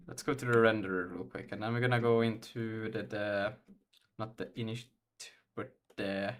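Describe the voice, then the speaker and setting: A man's voice: mid-range voice, a bit bright, a little hiss or hum. Swedish-accented man thinking aloud while coding. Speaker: programmer hosting a coding video. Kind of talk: casual coding chat.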